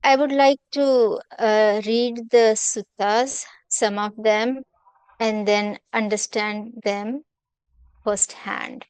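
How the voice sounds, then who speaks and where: A woman from India introduces herself as a student at a slow, measured pace. Her voice is smooth and clear. The sound is dry and close. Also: a little high, fairly even intonation, darkish tone, no room sound, rough recording. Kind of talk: self-introduction on a video call. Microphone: video call.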